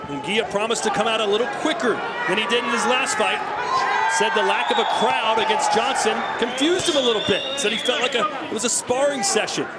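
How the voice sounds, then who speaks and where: A man's voice: sits high, a little fast. A man calling a boxing match live as the play-by-play commentator. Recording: very loud arena crowd noise.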